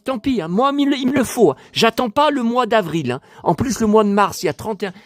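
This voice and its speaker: A man casually vlogging about collector books, excitable and rambling, talking straight to his viewers. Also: high voice, quick pace, no echo.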